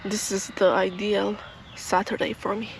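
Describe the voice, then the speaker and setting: A woman's voice: medium pitch, level tone, a little slow, background noise. Chatty woman rambling in her garden. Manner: chatty, self-deprecating, with small restarts. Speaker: nature vlogger. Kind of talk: relaxed rambling outdoor vlog. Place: outdoors in a garden.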